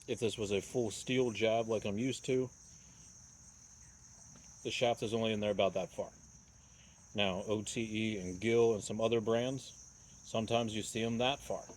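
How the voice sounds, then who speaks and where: Casual male DIY vlogger, thirties, slightly low voice, stop-and-start explanations, recorded outdoors with light insect ambience. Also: slight background noise. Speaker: javelin repairer presenting a video. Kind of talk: casual outdoor how-to vlog. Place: outdoors in a backyard.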